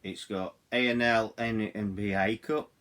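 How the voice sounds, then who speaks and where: A middle-aged hobbyist radio reviewer from Yorkshire, England, speaking with a Yorkshire English accent, gives a casual hands-on product walkthrough, rambling and repeating himself as he goes. His voice is on the low side, a bit bright, with a steady tone and a measured pace.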